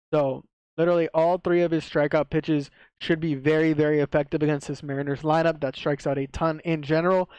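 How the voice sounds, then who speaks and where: Male sports tipster, slight retainer lisp, clean and smooth tone, very even pitch, casual and slangy. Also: dry recording, poor audio. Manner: slangy, swearing, repeats himself for emphasis. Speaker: sports betting tipster, video host. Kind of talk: casual sports betting commentary to viewers.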